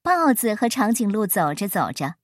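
A woman reading a children's picture book aloud in a playful, expressive way, her voice rising and falling with the story. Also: mid-range voice, normal speed, no room sound, clean studio sound.

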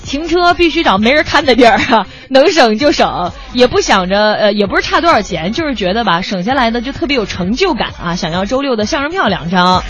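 A woman's voice: fairly high pitch, big pitch swings, brisk, hardly any pauses, fairly bright tone, soft background music. A woman hosting a radio show, chatting casually and telling anecdotes in a talkative, storytelling way. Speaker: radio host.

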